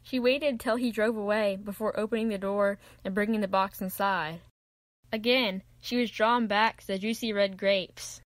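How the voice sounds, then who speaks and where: A woman narrating a children's Bible story in an even, clear read-aloud manner. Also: mid-range voice, normal speed, no room sound.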